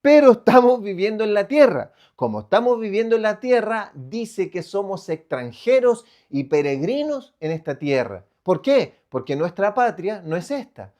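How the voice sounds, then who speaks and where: A Chilean pastor preaching with emphasis and a fairly high voice for a man. He asks his listeners questions and answers them right away, and his voice swells loud on key phrases. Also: very animated, moderate pace, few pauses. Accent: Chilean Spanish. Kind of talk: sermon.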